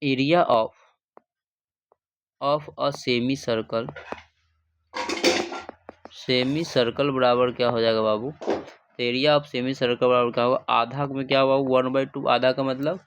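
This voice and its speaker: A man's voice: medium pitch, flat delivery, moderate pace, background noise. A male math teacher. He gives a livestream classroom lesson in call-and-response style, asking questions, repeating the answers and calling his students "babu".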